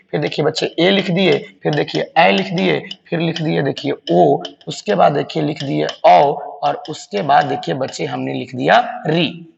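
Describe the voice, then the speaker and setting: A man's voice: a little high, vocal fry, slight background noise. A man teaching a grammar lesson to students, repeating key points and often calling them children. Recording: roomy long-reverb room, dull lo-fi sound.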